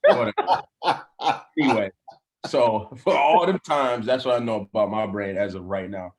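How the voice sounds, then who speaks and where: A man in his thirties speaks in a slightly low voice, feeling his way through his thoughts with many restarts and fillers. His talk is relaxed and conversational, and he laughs easily. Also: moderate pace, background noise. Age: 30s. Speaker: class participant. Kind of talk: casual group discussion.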